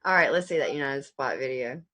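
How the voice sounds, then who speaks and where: Low voiced lady cohost, jokey and self-deprecating, just chatting. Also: fairly quick, pushed and bright. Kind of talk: casual chat.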